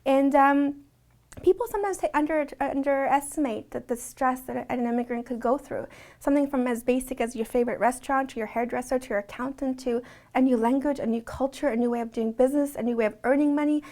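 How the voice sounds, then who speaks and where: A woman's voice: high voice, fast talker, darkish tone. A woman speaking earnestly in a reflective documentary interview, talking conversationally with frequent restarts.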